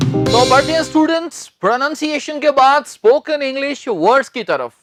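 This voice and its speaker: Male English teacher, unhurried, drills pronunciation and quizzes students, dry recording. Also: very high-pitched, a bit bright, dry recording. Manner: spells words out letter by letter and repeats pronunciations; keeps addressing the students and asking them to say words back. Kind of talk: spoken English lecture.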